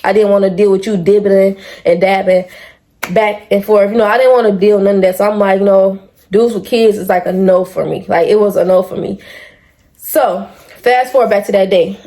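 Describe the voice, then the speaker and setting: Woman, mid-pitched voice, casual storytime vlogger, lively and profane, talks straight to her audience. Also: moderate pace. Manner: animated, swears freely, addresses viewers as y'all. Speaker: vlogger telling a personal story; mother.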